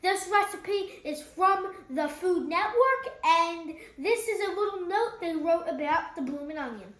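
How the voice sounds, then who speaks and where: A woman's voice: very high-pitched, animated, measured pace, a bit bright, roomy sound. A female cooking helper chatting in a home kitchen and reading recipe steps aloud, upbeat and agreeable. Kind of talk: casual cooking chat.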